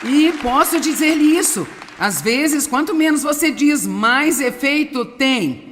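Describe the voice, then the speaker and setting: A woman preaching a sermon in an animated way, with wry humor and frequent asides to the audience. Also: high voice, slow, long reverb tail, some chatter behind, a little hiss or hum. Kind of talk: sermon, dubbed.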